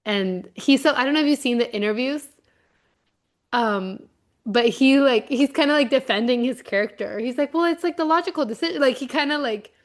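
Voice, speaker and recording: A woman's voice: fairly high pitch, normal speed. A young woman co-hosting a podcast in casual chat, easygoing and giggly. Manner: casual, giggly, drops into whispers when retelling. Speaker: podcast co-host.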